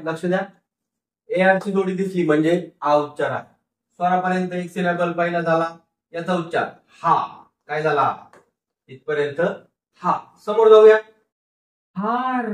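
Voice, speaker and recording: A man teaching a phonics lesson, sounding out words syllable by syllable, repeating them and answering his own questions. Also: high voice. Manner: asks the class questions and answers them himself. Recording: roomy echo, mic far off.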